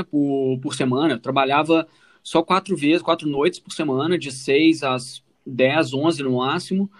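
With a mid-range voice, a man co-hosting a podcast recounts his own experiences in a casual, informal manner. He has a Brazilian Portuguese accent and regularly adds brief check-in questions.

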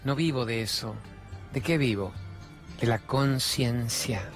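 A man's voice: mid-range voice, slow pace, faint music behind. Emphatic middle-aged Rioplatense man. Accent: Rioplatense Spanish. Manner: emphatic, with rhetorical questions and colloquial slang. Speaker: spiritual speaker. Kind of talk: spiritual self-help talk.

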